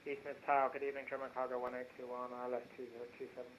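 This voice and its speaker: Male pilot over radio, extremely flat pitch, very fast calls, faint static noise. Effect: pilot over aircraft radio. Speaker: cargo pilot. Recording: faintly noisy radio transmission.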